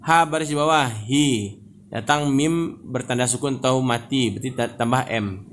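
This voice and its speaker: A man teaches Quran reading in a patient, repetitive lesson style. He addresses his listeners often and stretches the example words out slowly. A faint hiss sits behind the voice. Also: mid-range voice. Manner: patient, repeats "Bapak dan Ibu, ya" often.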